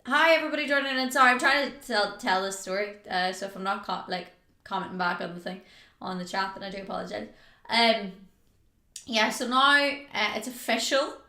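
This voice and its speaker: Chatty woman livestreaming, bright roomy sound. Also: medium pitch, brisk. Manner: chatty, rambling, heavy use of "like"; reads out and answers viewer chat. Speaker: livestream host. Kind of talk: casual livestream storytelling. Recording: roomy echo.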